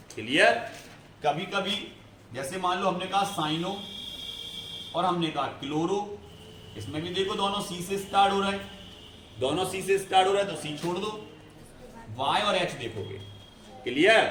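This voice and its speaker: A man's voice: sits high, lively intonation, normal speed, pauses often, fairly bright tone, slight background noise. A male chemistry teacher giving a classroom lecture, explaining step by step and often checking whether students follow. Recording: echoey room, faint ambience.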